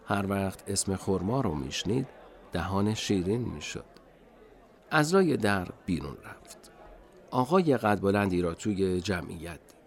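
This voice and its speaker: A man narrating a children's radio storybook slowly and expressively. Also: deep voice, lively intonation.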